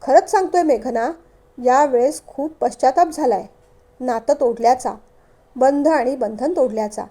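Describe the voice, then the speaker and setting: A woman's voice: sits high, normal speed, dark tone. A woman reading the part of a remorseful divorced man who pleads earnestly for another chance.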